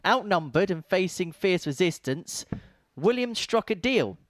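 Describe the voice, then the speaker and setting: A man's voice: sits high, sing-song, measured pace. A man giving live darts commentary in a chatty, wordy way with playful turns of phrase.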